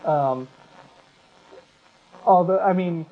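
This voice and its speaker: Over phone-quality sound, a talk show host with an American accent argues conversationally in a slightly high male voice, regularly breaking off mid-sentence.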